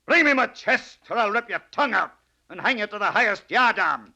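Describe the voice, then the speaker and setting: A deranged pirate captain in 1940s radio style. The voice is high-pitched, strained and very harshly bright. He growls theatrical seafaring threats with murderous menace. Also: animated, brisk, heavily acted. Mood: menacing fury. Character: raving, murderous pirate captain possessing a shipwrecked sailor.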